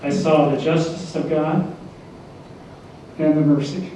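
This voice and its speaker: An older man giving a memorial tribute to his mother, speaking haltingly with pauses and fillers. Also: fairly high pitch, steady tone, warm tone, slight background noise. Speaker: son giving a eulogy. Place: large echoing hall. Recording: echoey lo-fi hall recording from far off.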